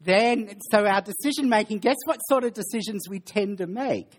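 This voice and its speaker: A man preaching a sermon to a congregation, dropping into sarcastic asides and building to slow, emphatic lists. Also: high voice. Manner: sarcastic asides, drops to quiet then builds. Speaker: pastor. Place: church sanctuary.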